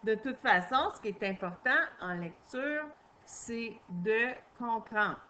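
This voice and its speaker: A woman's voice: fairly high pitch, lively intonation, takes it slowly, bright, forceful tone, a little hiss or hum, low-quality recording. A woman teacher, patiently taking young children through a reading lesson and spelling out sounds.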